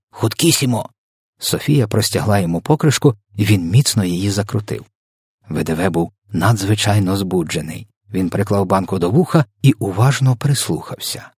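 A man narrating a children's storybook in an even, measured reading. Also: low-pitched, slightly rough, dry recording, clean studio sound. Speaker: audiobook narrator.

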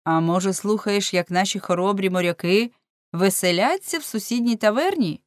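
A woman's voice: mid-range voice, moderate pace, no echo, clean studio sound, voice pushed up, close to an everyday voice. A woman reading the part of a bold, teasing young man in an audiobook, in a forthright manner.

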